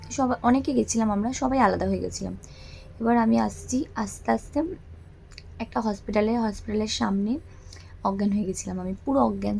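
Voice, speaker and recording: A woman vlogger speaking slowly and softly to viewers, weak and low on voice. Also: vocal fry, slight background noise. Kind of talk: casual vlog to viewers.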